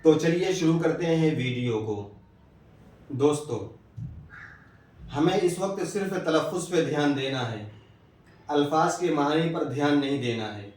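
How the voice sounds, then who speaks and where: A man giving a step-by-step English lesson, sounding out example words slowly and deliberately. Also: fairly high pitch, darkish tone, far from the mic. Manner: slow and deliberate, drawing out example words one by one. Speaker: English teacher. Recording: very echoey room, a little off-mic.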